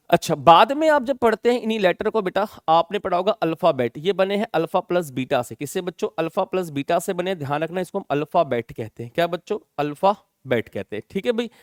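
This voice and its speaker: A male teacher with an Indian accent lectures his class in a high, lively voice that swings widely in pitch. He keeps checking that his students follow him and slows right down to spell out definitions word by word. The sound is dry and close, with no room echo. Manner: addresses students as children, asks constant check questions; slowly dictates English definitions word by word. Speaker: English teacher.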